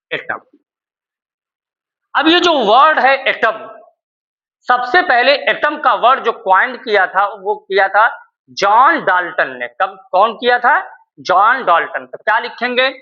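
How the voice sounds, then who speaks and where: Animated, bright-voiced male chemistry teacher. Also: high-pitched, lo-fi sound. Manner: asks questions and answers them himself, repeating key words; dictates English notes word by word. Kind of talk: classroom lecture with dictation.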